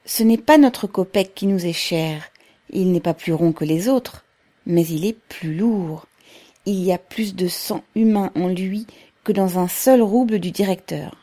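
A woman reading aloud, voicing a firm, steady-voiced middle-aged male stoker addressing a crowd. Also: on the low side, measured pace. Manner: even, firm, speechmaking.

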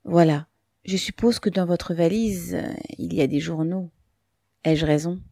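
A woman voicing a thoughtful, quiet bearded male peasant who speaks low and pensively, read from a storybook. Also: unhurried, dry recording, studio quality.

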